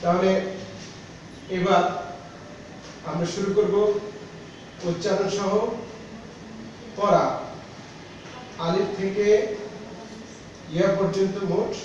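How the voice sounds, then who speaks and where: A male teacher giving a classroom lesson, drilling syllables slowly and drawing them out. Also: high voice, a little mellow, a little hiss or hum. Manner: slow, drawn-out syllable drills. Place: school classroom. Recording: far-off, echoey, dull classroom recording.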